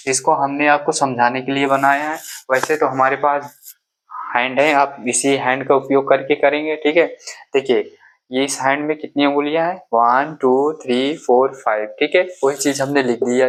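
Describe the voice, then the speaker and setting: A man teaching basic math to young children. He talks patiently and keeps checking that the class is following. He counts aloud slowly, one number at a time. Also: medium pitch, poor audio. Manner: patient, repeats "ठीक है" and "देखिए" often.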